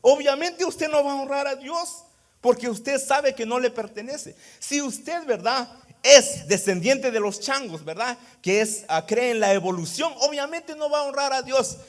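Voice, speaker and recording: A male pastor preaches with a high, very animated voice at an unhurried pace. He relies on rhetorical questions and keeps tacking on "¿verdad?" ("right?") to hold the congregation. His delivery swings between quiet asides and loud exclamations of praise.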